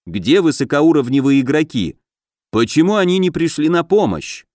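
A man's voice: a little high, sing-song, normal speed, a little mellow, no echo, studio quality. A man voicing a wry, skeptical male warrior asking blunt questions.

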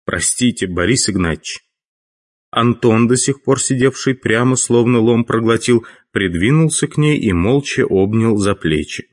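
A man narrating an audiobook in a steady, even reading voice. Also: medium pitch, normal speed, hardly any pauses. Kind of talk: scripted narration.

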